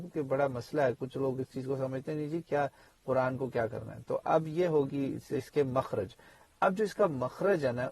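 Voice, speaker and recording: A man teaches tajweed in a conversational, explanatory way. His voice sits at a middling pitch, close and dry with no room sound. He wanders into asides and fills his pauses as he goes. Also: a little mellow, slightly rough, no room sound. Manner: explanatory, full of fillers and asides. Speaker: Quran teacher and imam. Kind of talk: spoken tajweed lesson.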